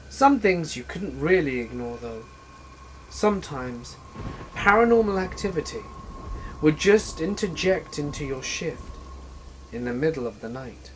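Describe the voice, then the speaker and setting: A man narrates horror stories in a steady, measured delivery. His voice sits a little higher than most men's. Faint rain ambience runs quietly behind him. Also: slight background noise, rough recording. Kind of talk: scripted horror story narration.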